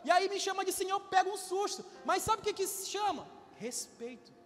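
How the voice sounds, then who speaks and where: A Brazilian pastor in his twenties preaching a sermon with loud swells and calls for amens. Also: extremely high pitch, animated, normal speed, long reverb tail. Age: 20s. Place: church hall.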